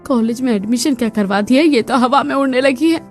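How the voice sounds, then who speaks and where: A woman voicing an arrogant, rich middle-aged mother in a cartoon story, sharp and scornful. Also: high voice, a little fast, soft background music, lightly acted. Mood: scolding.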